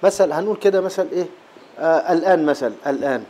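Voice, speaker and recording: A man with an Egyptian Arabic accent teaching Quran recitation in a classroom lecture. He explains patiently, repeats key terms and breaks into slow chanted verse. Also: fairly high pitch, warm tone.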